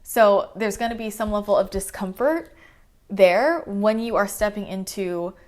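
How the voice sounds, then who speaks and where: A woman's voice: medium pitch, steady tone, measured pace, darkish tone. A woman chatting casually through a monthly spiritual energy reading, upbeat and loose, full of "like" and "right?". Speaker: spiritual channel and mentor.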